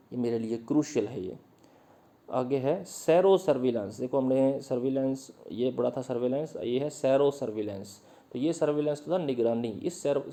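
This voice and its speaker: Mellow-voiced man teaching vocabulary. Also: medium pitch. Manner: explains each word with Hindi meanings and everyday examples. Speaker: English teacher. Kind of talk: vocabulary lesson explaining words.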